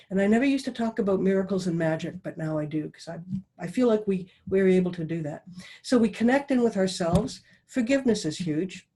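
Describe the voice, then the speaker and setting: A middle-aged woman giving an online talk as a dowsing presenter, speaking quickly and earnestly with restarts and asides. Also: medium pitch, dark tone, slightly rough. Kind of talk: online talk over a video call. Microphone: video call.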